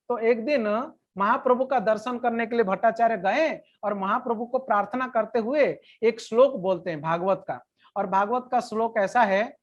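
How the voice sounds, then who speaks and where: In a devotional lecture, a woman with a medium-pitched voice retells a scripture story in a plain, conversational way, slowly reciting verses now and then. The sound is lo-fi.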